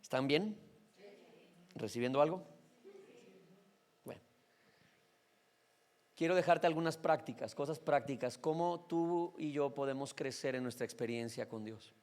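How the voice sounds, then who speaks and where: A man's voice: mid-range voice, unhurried, long pauses, a little mellow. A male pastor with a Mexican Spanish accent, preaching a sermon in a conversational way and often checking in with his listeners.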